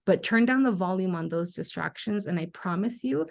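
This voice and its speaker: A woman's voice: mid-range voice, lively intonation, normal speed, vocal fry. A woman hosting a podcast as a spiritual life coach, talking candidly and animatedly, swearing casually and acting out her own past reactions.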